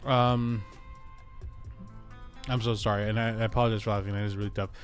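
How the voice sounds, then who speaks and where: A man's voice: fairly low pitch, level tone, fairly quick, faint music behind. A man hosting a casual real estate livestream, joking and chatty as he reads viewer comments aloud.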